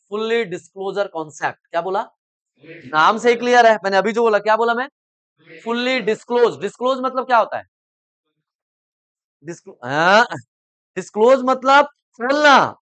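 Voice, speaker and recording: एक अधेड़ उम्र का पुरुष शिक्षक कोचिंग की कक्षा में छात्रों को लेक्चर दे रहा है। वह आसान हिंदी में रोज़मर्रा के उदाहरण देकर समझाता है और बार-बार छात्रों से पूछता है कि बात समझ आ रही है या नहीं।. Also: male voice, sits high, sharp tone, no echo. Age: middle-aged. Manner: repeatedly asks "samajh mein aa raha hai?" and prods students to answer; explains in simple Hindi with everyday examples. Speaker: commerce coaching teacher. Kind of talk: classroom lecture. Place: coaching classroom.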